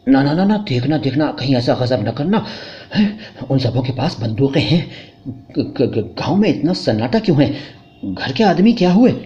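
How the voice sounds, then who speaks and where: A man voicing a frightened young husband who stammers and talks in a panicky hush, in a dull lo-fi recording. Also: medium pitch, lively intonation, normal speed, lightly acted. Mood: terrified hush.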